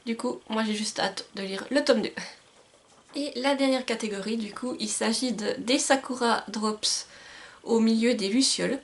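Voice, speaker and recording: A woman's voice: a little high, normal speed. A young woman giving casual book recommendations to camera, chatty and hesitant with frequent fillers and self-corrections. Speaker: book vlogger. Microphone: camcorder microphone.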